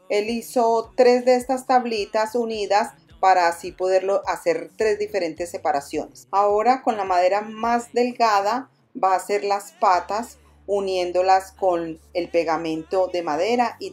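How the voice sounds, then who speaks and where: A woman's voice: mid-range voice, darkish tone. A woman hosting a crafts channel, giving friendly step-by-step voice-over instructions and addressing viewers as friends. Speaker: DIY channel host. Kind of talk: voice-over tutorial narration.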